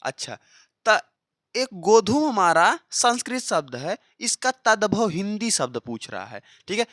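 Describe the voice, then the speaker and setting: An animated teacher whose pitch rises and falls a great deal while walking students through practice questions. They read each option aloud as a question and keep checking in with a quick "okay." The sound is close and dry, with no room around it. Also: no echo. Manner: repeats key answers slowly for drilling. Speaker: Hindi teacher for exam preparation. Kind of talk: exam-prep lesson solving practice questions.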